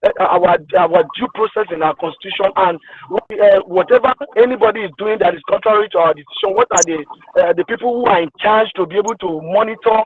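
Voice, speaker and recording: A man calling into a meeting on speakerphone while driving home, earnest and pausing often with fillers. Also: high voice, very animated. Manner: earnest, pauses with uh and you know. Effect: car speakerphone call while driving. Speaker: party member speaking at a town hall. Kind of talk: remote call into an online meeting. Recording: tinny phone line from a car.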